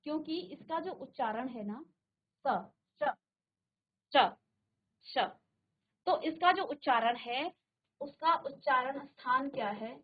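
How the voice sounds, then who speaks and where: A woman teaching a class, slowly sounding out syllables aloud for her pupils to repeat. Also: high voice, phone-quality sound. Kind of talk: classroom lesson. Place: studio virtual classroom.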